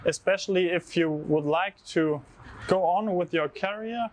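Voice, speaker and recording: A man's voice: sits high, unhurried. A young man from Germany, a master's student, speaking hesitantly with fillers in an outdoor arcade. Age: young adult. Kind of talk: testimonial interview. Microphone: lapel mic.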